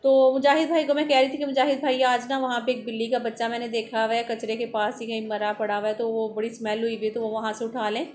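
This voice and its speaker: A woman, chatting quickly through a voice-over for her home vlog, rambling from one thing to the next. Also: fairly high pitch, level tone, a little mellow, soft background music. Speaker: vlogger and mother.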